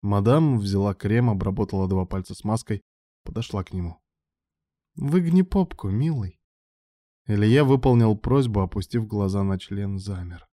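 A man narrating an audiobook in a steady, even storytelling manner on a close mic. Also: fairly low pitch, normal speed, no room sound. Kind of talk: scripted narration.

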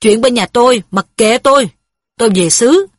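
Here is a bitter, quick-tempered widow, voiced by a woman reading a story. She scolds and resents in a fairly high, breathy voice. The sound is dry and close. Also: expressive, a bit bright, no room sound.

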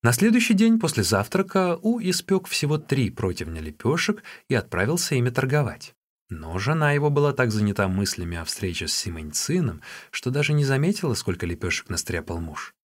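Expressive male audiobook narrator. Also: mid-range voice, brisk. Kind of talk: audiobook reading.

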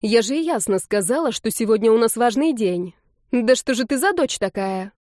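A woman's voice: fairly high pitch, animated, normal speed, a little mellow, no room sound, clean studio sound, natural voice. A woman reading the lines of a stern middle-aged mother scolding her daughter about chores. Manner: scolding, impatient.

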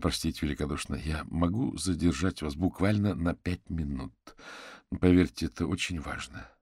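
A man voicing a calm male detective who speaks politely and persuasively. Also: rumbling low, normal speed, breathy edge, dry recording, studio quality, exaggerated voice.

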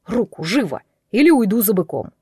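Woman reading a scornful young man, snake nickname, curt, sneering, audiobook, mellow, dry. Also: on the high side, lively intonation, normal speed, dry recording. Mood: angry.

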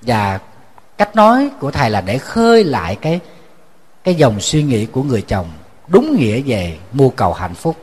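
A man, a Buddhist monk, giving a sermon as a lively storyteller who repeats words when he restarts. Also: moderate pace, husky. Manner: storytelling, acting out quoted voices with rising pitch.

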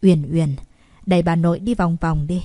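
A woman voicing a gentle, uneasy elderly grandmother who speaks softly in a storybook reading. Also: fairly low pitch, steady tone, normal speed, no room sound, clean studio sound, lightly acted. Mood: tender. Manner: soft, tender.

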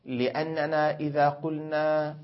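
A middle-aged man teaching a grammar lesson, slowly repeating examples and drawing out his words. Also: a little high, little pitch movement. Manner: slow and deliberate, repeating examples with drawn-out words. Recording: dull lo-fi recording.

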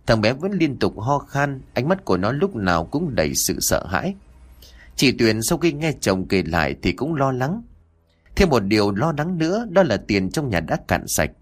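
A man narrating an audio story with expressive, dramatic emphasis. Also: medium pitch, moderate pace.

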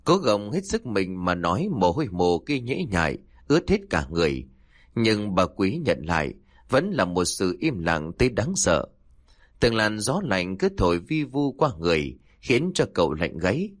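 A man narrating a ghost story in a slow, suspenseful way. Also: lowish voice, big pitch swings, no room sound, clean studio sound.

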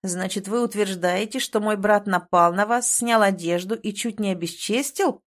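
A woman's voice: on the high side, expressive, fairly quick, lightly acted. A woman voicing a stern, businesslike young prince who is the older brother.

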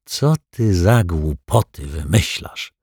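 A man's voice: deep voice, big pitch swings, measured pace, gravelly, husky, no room sound, clean studio sound, heavily acted. A man voicing a quarrelsome, bumbling detective who argues with himself, in a children's audiobook. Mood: bickering. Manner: argues with himself, puzzled, wry. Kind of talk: audiobook character voice.

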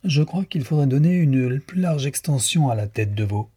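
A man's voice: mid-range voice, animated, moderate pace, mellow, husky, voice pushed up. A man voicing a bumbling, stubborn male citizen speaking at a rowdy political club, insistent and baffled.

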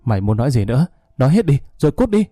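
A man's voice: mid-range voice, racing, dark tone, dry recording, clean studio sound, soft background music, natural voice. A man voicing a cold, domineering middle-aged father who barks harsh scoldings at his son. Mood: furious.

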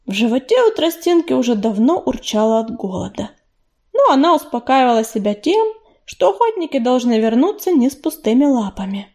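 A woman reads a children's fantasy audiobook in smooth scripted narration. Her voice sits high but sounds warm and mellow. She tells the story softly and evenly. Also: sing-song, a little fast.

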